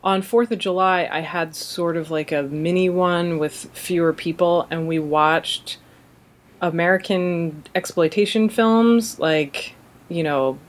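A woman's voice: on the low side, slow pace. A woman co-hosting a casual film podcast, talking enthusiastically and laughing as she describes movies. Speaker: podcast co-host. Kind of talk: casual chat about cult films.

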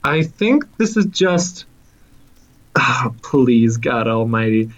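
A man co-hosting a podcast in casual chat, excitable, laughing often and swearing now and then. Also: mid-range voice, slow, highs cut off. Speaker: podcast co-host.

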